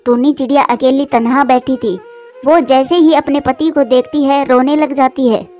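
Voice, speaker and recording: A high-voiced female narrator reads a scripted cartoon story for children in a steady tone at normal speed, with gentle music playing beneath her.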